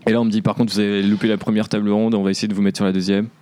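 A man's voice: fairly low pitch, flat delivery, racing, mellow. A young man in casual podcast chat, telling a travel story with many fillers and restarts. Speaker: podcast co-host, film journalist.

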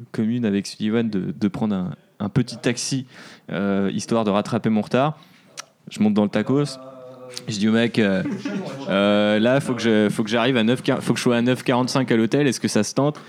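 A man's voice: on the low side, fairly even intonation, normal speed, darkish tone. A young man in casual podcast chat, telling a travel story with many fillers and restarts. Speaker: podcast co-host, film journalist.

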